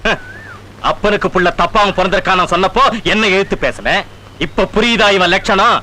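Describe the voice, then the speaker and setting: A man's voice: high voice, brisk, bright, forceful tone, low-quality recording. An actor playing a middle-aged father-in-law who scorns and berates his son-in-law, in a film soundtrack with faint music. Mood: scornful. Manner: scornful, accusing. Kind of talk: film drama dialogue.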